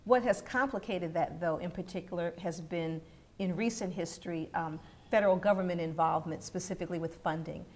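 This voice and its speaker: Calm, lecturing woman with a lowish voice. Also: brisk. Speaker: university professor. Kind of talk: panel discussion. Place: TV studio set. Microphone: lapel.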